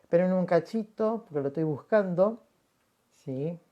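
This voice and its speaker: Argentine host opening a livestream. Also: male voice, high-pitched, lively intonation, warm tone, lo-fi sound. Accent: Argentine Spanish. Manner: friendly, slow-paced, filler-heavy. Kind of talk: casual livestream interview.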